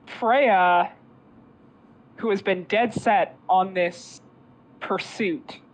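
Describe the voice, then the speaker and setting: Slow, halting woman playing a tabletop game. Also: medium pitch, low-quality recording. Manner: halting, dramatic, informal. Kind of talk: improvised narration of her character's actions.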